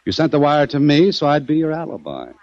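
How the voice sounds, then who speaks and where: In an old-time radio crime drama, an actor plays a shrewd, cool-headed investigator, commanding and sardonic as he coolly accuses and needles his suspect. His voice is a little high and mellow, very animated and brisk. The vintage radio recording sounds dull but has no echo.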